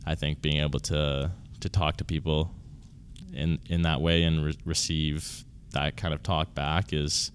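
A man in his early twenties, a university volleyball player, answering interview questions casually and haltingly, often restarting and trailing off. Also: very deep voice, flat delivery, a little hiss or hum. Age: 20s.

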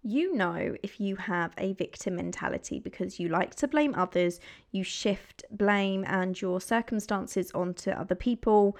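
A woman's voice: mid-range voice, a little slow. A woman giving a motivational speech, addressing the listener in a direct, emphatic, exhorting way. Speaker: motivational speaker and writer.

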